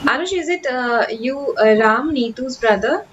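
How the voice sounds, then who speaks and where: A young woman with an Indian English accent hosts a spoken English class over a video call. Her voice sits a bit high, and she talks in a chatty, encouraging way with easy fillers. Faint hiss runs under the call. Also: lively intonation, moderate pace, highs cut off. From Kolkata, India. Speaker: spoken English workshop host. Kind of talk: online class, casual teaching talk.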